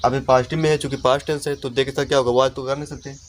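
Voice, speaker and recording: A man teaching English grammar in a lesson, explaining step by step and slowing down to dictate example sentences. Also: medium pitch, flat delivery, a little hiss or hum. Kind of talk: Hindi-language classroom lesson.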